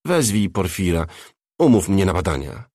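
A man voicing a smooth male executive who speaks with polite, coaxing concern. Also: low-pitched, very animated, moderate pace, mellow, no echo, clean studio sound.

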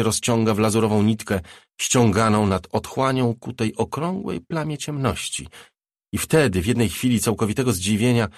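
A man narrating a novel in a measured, low-key reading. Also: creaky, no echo, studio quality. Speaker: audiobook narrator. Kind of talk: scripted narration.

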